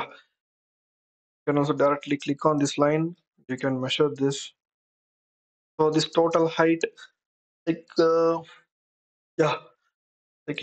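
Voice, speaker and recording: A medium-pitched software tutor records an unscripted screen tutorial, thinking aloud as he explains each step. The recording quality is low.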